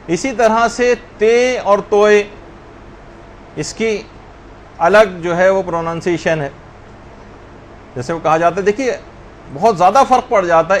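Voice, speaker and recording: A man's voice: high-pitched, a little hiss or hum. A man teaching a religious lesson, explaining patiently and drawing out sounds to demonstrate pronunciation. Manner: explanatory, drawn-out demonstrations of Arabic letters.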